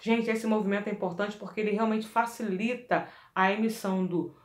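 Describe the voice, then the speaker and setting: A woman singing teacher giving a lively vocal lesson, coaching the listener directly and demonstrating exercises. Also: mid-range voice, fairly quick. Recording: echoey room.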